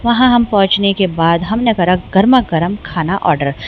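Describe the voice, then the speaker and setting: A woman's voice: mid-range voice, moderate pace, phone-quality sound, slight background noise. A young woman narrating her own family vlog in a casual, chatty voice-over, teasing herself as she tells the story. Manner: chatty, self-mocking, animated storytelling. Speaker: vlogger and mother.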